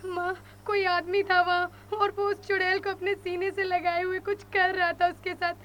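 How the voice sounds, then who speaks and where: A woman's voice: extremely high pitch, level tone, moderate pace, fairly bright tone, slight background noise. A woman playing a spoiled, scheming young daughter who threatens and lies to her parents. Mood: whining.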